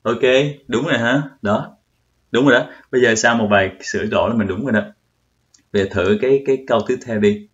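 A man's voice: mid-range voice, brisk. A young man giving a casual pronunciation tutorial in a chatty way, repeating words as he tests himself. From Vietnam. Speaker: vlogger. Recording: dull lo-fi audio.

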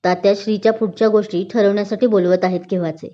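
A woman's voice: mid-range voice, fairly even intonation, fast, warm tone, close to an everyday voice. A woman voicing a spirited, sassy middle-aged wife who teases her husband in a spoken story. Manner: sassy, teasing. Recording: dull lo-fi recording.

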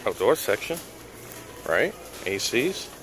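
A middle-aged man, chatty and upbeat, narrating a casual vlog to a handheld camera. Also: a little high. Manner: chatty and upbeat, talks to viewers as he goes. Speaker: vlogger and truck driver. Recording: noisy handheld recording.

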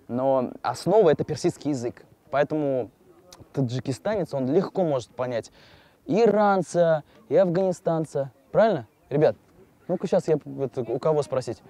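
Animated young man, higher-pitched voice. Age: 20s. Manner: animated, chatty. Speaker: travel show host. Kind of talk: casual, spontaneous on-location presenting. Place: outdoors on location.

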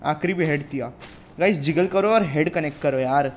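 This mobile game streamer is a young Indian-accented man whose fairly high voice moves at a normal speed. He keeps up chatty commentary on the shooter he's playing, addressing his audience as "guys" and "brother," with a faint hiss or hum behind him.

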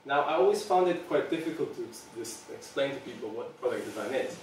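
Speaking briskly with lively intonation, a man in his thirties from Serbia gives a heartfelt public talk as a product designer, peppered with ums. His pitch is medium. A distant camera in a meeting room catches strong echo plus a little hiss or hum.

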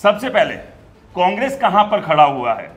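A man in his thirties, standing in a studio and giving political news commentary to camera in an animated, gesturing way, on a lapel mic. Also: high voice, moderate pace. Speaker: news editor and presenter. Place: studio in front of a large screen.

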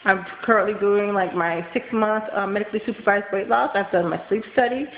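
A tired woman in her thirties, nasal and congested from a cold, rambles quickly through a casual vlog full of ums and likes. Her voice is medium in pitch, and she's recorded close on a built-in webcam mic in a small room at home, giving dull lo-fi audio with faint hiss.

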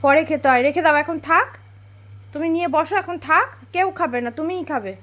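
Mother for a home vlog, high and bright, speaks softly to a toddler with gentle scolding. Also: moderate pace. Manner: gentle coaxing, mildly scolding. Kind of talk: home vlog, talking to a small child.

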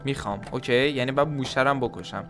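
A man hosting a casual let's-play video, joking, excitable and swearing freely. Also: medium pitch. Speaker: gaming video host. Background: game music.

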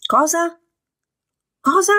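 Woman doing a shrill frightened old lady. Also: very animated, normal speed, a little mellow. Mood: startled. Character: old woman Lydia, frightened, struggling to speak.

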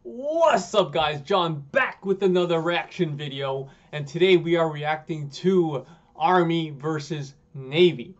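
A man's voice: on the high side, measured pace, lo-fi sound. A man in his thirties from Hawaii, hosting a casual reaction video from a room at home, talking at a webcam with lots of fillers. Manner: chatty, filler-heavy, excitable. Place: home room with sneaker shelves.

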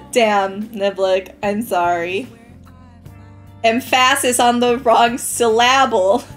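A young woman streaming a game, chatting casually with her viewers, laughing often and swearing freely. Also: on the high side. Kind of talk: casual gaming commentary.

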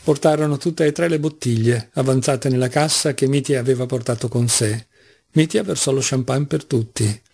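Gravelly male audiobook narrator. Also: mid-range voice, moderate pace, a little mellow. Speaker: audiobook reader. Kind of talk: classic novel narration.

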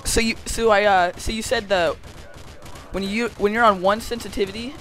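A teenage boy hosts a casual gameplay commentary, his voice high and bright. He rambles through fillers and giggles, easily excited. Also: moderate pace. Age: teens. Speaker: channel host. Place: home.

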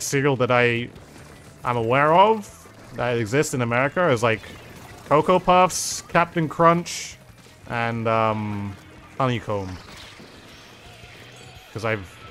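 An English game streamer chats casually with viewers mid-game, answering their questions and calling them "dude" a lot. His mid-range voice is a bit bright and moves at a moderate pace, with soft music playing in the background.

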